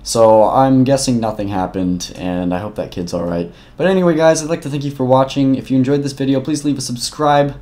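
A man's voice: mid-range voice, a little fast, few pauses, dark tone. A young man telling a story in a casual vlog, rambling and swearing, with frequent restarts. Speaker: vlogger.

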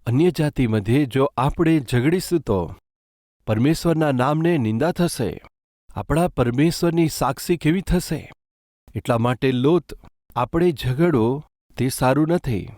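A man's voice: medium pitch, a little slow, darkish tone, dry recording, clean studio sound. A man preaching a sermon, earnestly asking his listeners rhetorical questions and ending in prayer. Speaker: pastor.

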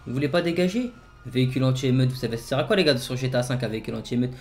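A man hosting a gaming video, giving playful commentary and jokingly barking commands as a team leader, excitable and joking. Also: mid-range voice, rapid-fire. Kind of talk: playful game commentary with role-play commands.

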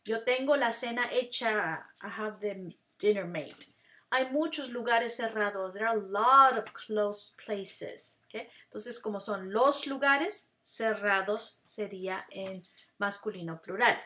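Slow, careful woman teaching Spanish. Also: mid-range voice, bright, forceful tone. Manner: slow and deliberate, drawing out example words; switches between Spanish and English to explain. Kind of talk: recorded grammar lesson.

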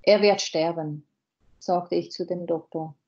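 A woman reading an anxious teenage girl's lines aloud, slowly, from a novel. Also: on the low side, fairly even intonation, a little mellow, highs cut off, lightly acted. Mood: pleading. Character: anxious teenage girl on the run, desperate.

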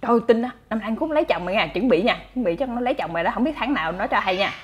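Fast-talking Southern Vietnamese woman storyteller. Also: mid-range voice, highs cut off. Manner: chatty, animated, addresses listeners directly. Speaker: storyteller, channel host. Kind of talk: casual folk storytelling.

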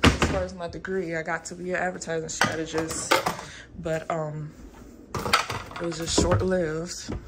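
A woman in her twenties talking casually to her phone camera in her bedroom. She is candid and slangy, and swings between hushed and loud. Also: deep voice, flat delivery, a little slow, very noisy. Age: 20s. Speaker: vlogger. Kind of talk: casual vlog chat to camera. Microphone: phone mic.

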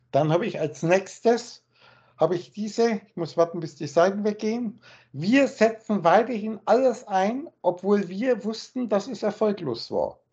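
Husky man lecturing over a muffled call. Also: high-pitched, darkish tone. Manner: circling, repeats words, slows to stress single words. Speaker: spiritual teacher explaining texts. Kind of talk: rambling explanatory talk on a call. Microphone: video call.

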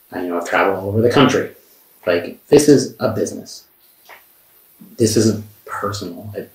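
A man, a camera assistant, telling his side of events in a police interview, rambling with many restarts and sounding defensive. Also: deep voice. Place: interview room. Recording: roomy, from far off the mic.

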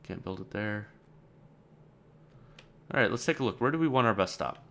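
Low-voiced man rambling through gameplay. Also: expressive, moderate pace, fairly bright tone. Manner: thinking aloud, casual and rambling; dry sarcastic asides. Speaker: let's play gamer. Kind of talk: let's play game commentary.

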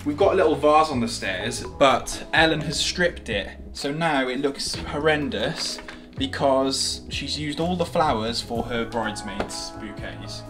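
Giving a casual tour of his small, carpeted home, a young man keeps up a jokey, teasing chatter in a medium, somewhat slow voice with hardly any pauses. The mic sits at a distance in an echoey indoor space, and music runs beneath his speech.

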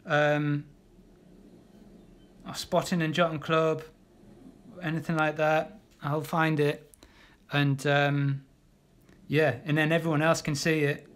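Guy teaching a live draw-along, highish voice, chatty, lots of ums. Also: flat delivery, slow pace, a bit bright. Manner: chatty and encouraging, talks while painting, many ums and restarts. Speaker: illustrator teaching a live art class.

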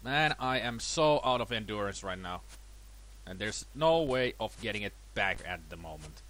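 A let's play gamer, a bit hoarse from a cold, speaks at a moderate pace against slight background noise. He casually comments on his own boxing gameplay, chatty and self-deprecating, with his pitch swinging lively.

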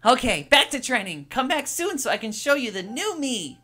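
A woman's voice: a little high, sing-song, moderate pace, sharp tone, voice pushed up, full character voice. A woman reading out a video game's timid young man who is too weak to lift a barrel and is training to get stronger. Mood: elated. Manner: breathless, bashful, then bubbly and grateful. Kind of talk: reading video game dialogue aloud.

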